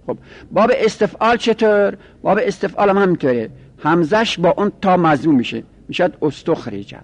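Male teacher with a slightly high voice, methodical and repetitive. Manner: methodical, repeats each rule. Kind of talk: lecturing on Arabic grammar.

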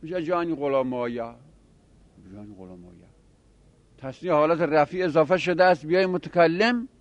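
A man's voice: on the high side, no echo, muffled recording. Man teaching a grammar lesson. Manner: explains step by step, quizzing students with quick questions.

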